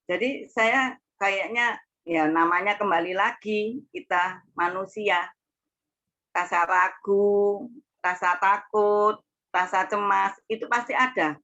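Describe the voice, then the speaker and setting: A woman shares her personal faith in an earnest, rambling way. Her voice is bright and forceful. The recording sounds dull and lo-fi. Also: mid-range voice, slow pace, pauses often. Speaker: speaker giving a personal faith testimony. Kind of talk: personal spiritual testimony.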